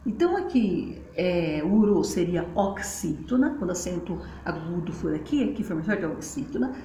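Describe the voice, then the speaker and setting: A woman's voice: fairly low pitch, big pitch swings, moderate pace, dark tone. A woman teacher, patiently explaining at a board and spelling out syllables in a chatty way. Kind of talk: casual classroom explanation. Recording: roomy, faint background noise.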